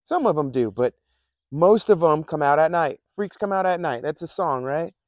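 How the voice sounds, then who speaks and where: A man's voice: fairly high pitch, lively intonation, normal speed, dry recording, studio quality. A man preaching a casual, conversational sermon, often repeating himself and chuckling between points. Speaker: pastor.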